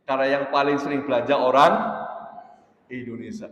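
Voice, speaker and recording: Javanese-accented preacher in echoey hall. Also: male voice, medium pitch, fairly even intonation, fairly quick, a bit bright, muffled recording, slight background noise. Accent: East Javanese. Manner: storytelling, switches between Indonesian and Javanese, addresses audience often. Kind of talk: sermon.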